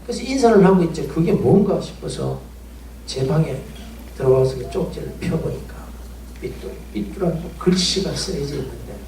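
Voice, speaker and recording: A man preaches a sermon, telling an emotional story and piling up pleading rhetorical questions. His voice sits high for a man. The sound is roomy and a bit distant, with a faint room ambience behind him. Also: normal speed, mellow, slight background noise. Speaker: pastor.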